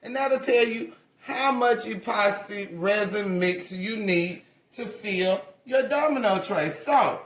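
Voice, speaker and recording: A woman's voice: medium pitch, slow. A woman in her forties giving a casual hands-on craft tutorial, chatty and folksy, often correcting herself mid-sentence. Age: 40s. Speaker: craft channel owner. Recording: roomy echo.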